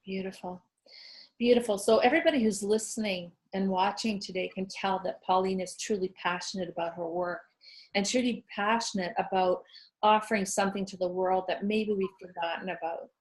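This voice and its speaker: A woman's voice: medium pitch, steady tone, a little fast, low-quality recording. A woman life coach hosting an online interview, upbeat and affirming as she introduces her guest and signs off.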